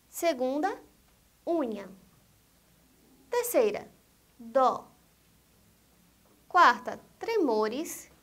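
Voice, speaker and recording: Slow, high-voiced Brazilian woman teacher. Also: fairly bright tone. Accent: Brazilian Portuguese. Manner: slow, deliberate, repeats each example word. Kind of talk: recorded grammar lesson.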